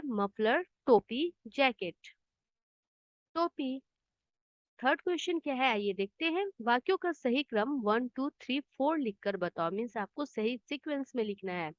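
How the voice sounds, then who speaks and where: Woman, teacher, patient, children's lesson, slightly high voice, muffled recording. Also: dry recording. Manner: patient, explains words in English. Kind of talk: children's Hindi lesson, explaining answers. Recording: dull, slightly muffled dry sound.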